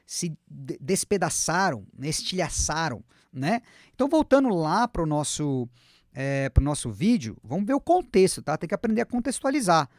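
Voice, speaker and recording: A man whose first language is Portuguese teaches an online English lesson in a lively, chatty, encouraging way, repeating words slowly so students can copy them. His voice is a little high, and the recording is dry and of studio quality.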